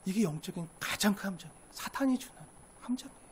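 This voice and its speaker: High-voiced earnest preacher. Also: male voice, lively intonation, racing, slight background noise. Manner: earnest, swings between raised emphatic lines and hushed low asides; acts out quoted complaints in a sharper, pushier voice. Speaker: pastor. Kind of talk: sermon.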